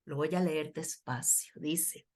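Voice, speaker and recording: A woman's voice: sits low, slow pace, darkish tone. A middle-aged woman from Costa Rica preaching earnestly at a prayer workshop and reading scripture aloud. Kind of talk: sermon.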